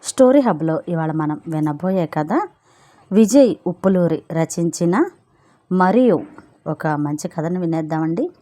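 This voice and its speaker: A woman storyteller reading a short story aloud, calm and expressive. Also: on the low side, a little slow.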